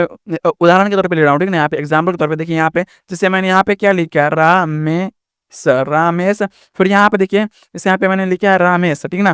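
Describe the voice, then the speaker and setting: A man's voice: sits high, clear, resonant tone, no room sound, studio quality. A man teaching viewers a lesson, often checking in with the class and stretching out vowel sounds to show pronunciation. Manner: repetitive, checks in with "ठीक ना" often. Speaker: online tutor.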